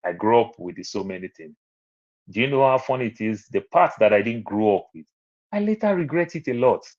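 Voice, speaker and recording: On a casual online panel, a man with a Nigerian English accent rambles through personal stories, repeating phrases as he goes. His voice is on the low side, animated and darkish, and fairly quick. The online audio is muffled and lo-fi.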